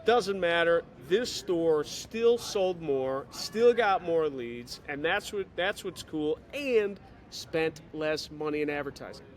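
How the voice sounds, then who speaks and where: A man with a Chicago accent giving a chatty, energetic video update on dealer advertising, recorded in an airport terminal. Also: on the high side, takes it slowly, few pauses. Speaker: digital marketing consultant for auto dealers.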